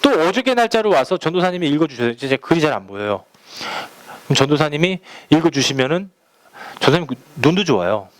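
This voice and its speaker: A man's voice: fairly high pitch, very animated, fast, no echo. A man pastoring a church, preaching a sermon through personal stories told in a conversational way, acting out the phone calls he describes. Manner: conversational storytelling, acts out quoted phone calls.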